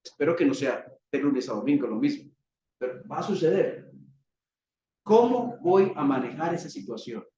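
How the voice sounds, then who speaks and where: A man with a Colombian accent preaching a sermon, asking rhetorical questions and leaning on dramatic pauses. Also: on the high side, expressive, warm tone, a little hiss or hum. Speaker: pastor. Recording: echoey hall, distant dull mic.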